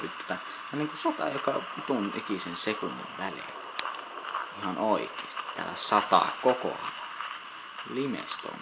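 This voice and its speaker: A young man gives casual let's-play commentary, swearing freely and muttering in exasperation. His voice is low and gravelly, but it jumps around a lot in pitch. Loud noise sits behind the recording. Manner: frequent cursing, exasperated muttering. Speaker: gameplay commentator.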